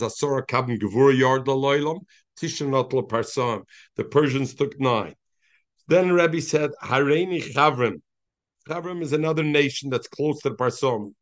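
A man with a Yeshivish accent teaching a daily Talmud class, mixing Aramaic and Yiddish phrases into his English and calling on students by name. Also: mid-range voice. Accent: Yiddish-inflected Yeshivish English.

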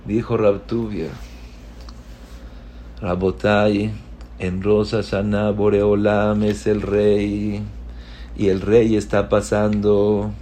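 A man giving a sermon through a story, his voice swinging from hushed to loud and high with emotion. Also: monotone, slow pace, long pauses, a little hiss or hum.

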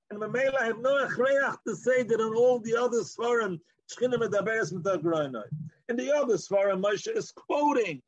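A man's voice: high-pitched, a bit bright, dry recording, dull audio. A man with a Yiddish-inflected accent giving an informal Torah lecture, arguing through rhetorical questions and repeating words as he goes. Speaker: Torah teacher.

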